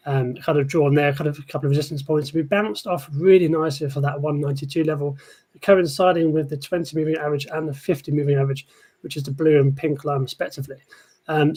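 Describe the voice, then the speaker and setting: A man giving his chart analysis in a casual market chat, rushing and hedging with constant "kind of". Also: on the high side, darkish tone. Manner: rushed, heavy on hedges like "kind of".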